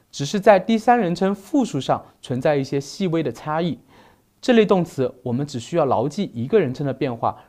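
A man teaching a recorded grammar lesson, slowly listing verb forms one by one. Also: a little high, darkish tone. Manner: slow, deliberate, spells out verb forms one by one. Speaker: Spanish teacher.

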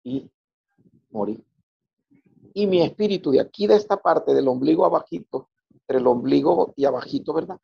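A man telling his personal religious testimony, halting and repeating words as he goes. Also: a little high, animated, gravelly, breathy edge, dull audio. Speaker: testimony speaker.

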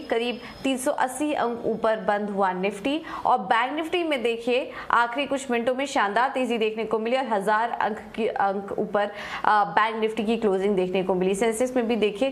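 Female market correspondent, studio lapel mic, higher-pitched, steady "uh" fillers. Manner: fluent with frequent "uh" fillers. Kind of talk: live market report. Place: TV news studio.

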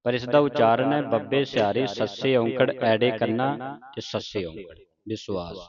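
A man leads a scripture pronunciation lesson, chanting each line slowly and then patiently explaining the sounds. The recording is dull and lo-fi. A group of listeners can be clearly heard around him. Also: mid-range voice, crowd noise.

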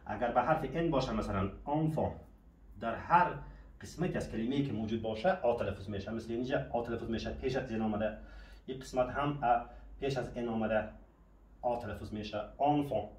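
A man teaching a language lesson, patiently asking questions and answering them himself. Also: medium pitch. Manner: patient, asks and answers his own questions. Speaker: French teacher. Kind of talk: classroom lesson explanation. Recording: echoey room, mic at a distance.

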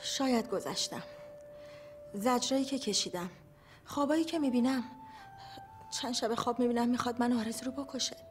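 A woman's voice: fairly high pitch, long pauses, soft background music, lightly acted. An actress playing a fearful, divorced young woman who confides hesitantly in her therapist. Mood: anxious. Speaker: therapy patient. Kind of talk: film acting.

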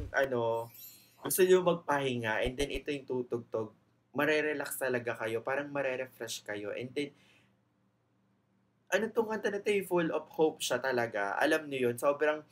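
A young Filipino man with a Filipino accent, chatting excitedly as host of a reaction video and switching between Tagalog and English. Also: fairly high pitch. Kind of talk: casual reaction commentary.

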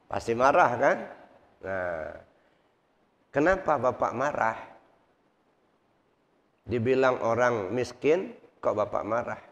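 Gravelly male preacher in a reverberant mosque. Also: mid-range voice. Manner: repeats points and asks the congregation rhetorical questions. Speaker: Islamic preacher. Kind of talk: mosque study sermon. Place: mosque hall. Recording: reverberant hall, dull lo-fi sound.

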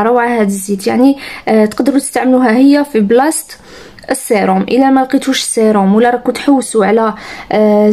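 A woman's voice: a little high, a little mellow. A woman with an Algerian accent chatting casually to her viewers, reviewing products with enthusiasm. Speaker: beauty vlogger.

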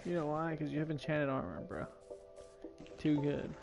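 A man's voice: on the high side, lively intonation, moderate pace, creaky, over loud music. A young man chatting and playfully teasing his friend during a game. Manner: teasing, joking. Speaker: co-player. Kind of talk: casual gaming chat.

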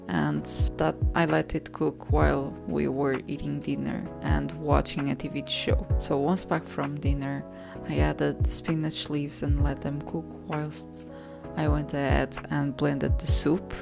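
A woman calmly narrating her home cooking video, soft and unhurried, sometimes correcting herself mid-sentence. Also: low-pitched, creaky. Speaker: cooking vlogger. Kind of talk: calm voice-over narration. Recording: voice-over with soft background music.

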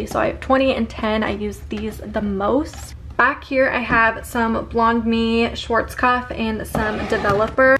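Young woman, hairstylist, casual upbeat vlog, slightly high voice, indoor salon, handheld camera. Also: fairly bright tone, a little hiss or hum. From California. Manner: chatty and upbeat, frequent "like" and "so". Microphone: handheld camera close by.

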